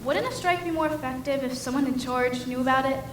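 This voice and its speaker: A young woman on a school stage playing an ambitious young reporter who talks briskly and persuasively. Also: high-pitched, lightly acted. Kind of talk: school stage musical acting. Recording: echoey hall, faint noise.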